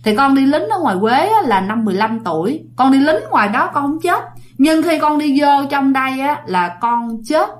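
A woman's voice: sits high, big pitch swings, normal speed, pitched above the performer's own voice. A woman voicing the ghost of a young male soldier who speaks bluntly through a possessed man. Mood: pleading. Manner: blunt, scolding, rough-talking.

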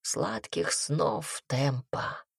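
A woman voicing a smug, seductive male king who speaks in a slow, low, purring way. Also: dry recording, clean studio sound. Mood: murmuring.

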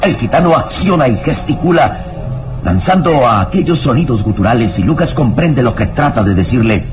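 In a horror adventure radio serial, a man narrates in a grave, theatrical, ominous style over dramatic background music. His medium-pitched, natural voice is expressive and moves at a moderate pace, building an ominous, suspenseful mood.

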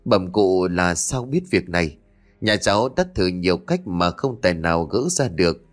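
A grieving village father, tearful and humble as he pleads with the elder, as a man voices him in an audiobook. His low voice rises and falls, with faint music in the background. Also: animated, normal speed.

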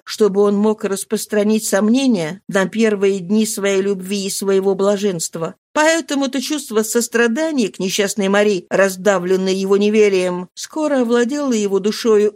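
A woman narrating a classic novel in an earnest, measured storytelling manner. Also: medium pitch, darkish tone. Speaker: audiobook reader.

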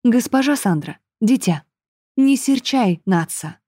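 A woman voicing an old, meek nanny who speaks softly and soothingly. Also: a little high, lively intonation, measured pace, husky, no echo, studio quality. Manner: soft, soothing, folksy.

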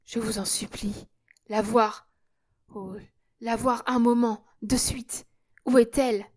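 A woman reading the part of a gentle, emotional young woman, speaking heartfelt lines. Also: a little high, flat delivery, slow pace, dry recording, clean studio sound. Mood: pleading. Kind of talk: audiobook character reading.

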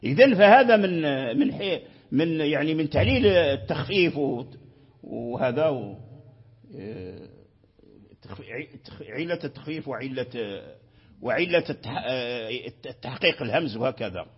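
A man's voice: mid-range voice, expressive, normal speed, pauses often, slightly rough, muffled recording. A man teaching Quranic readings in a classroom lecture, repeating phrases and checking that his students understand.

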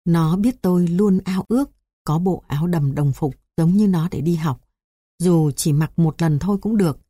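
A woman with a Southern Vietnamese accent reading her memoir aloud in a calm, even storytelling manner. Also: lowish voice, normal speed, slightly rough, no echo, clean studio sound. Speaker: memoir narrator.

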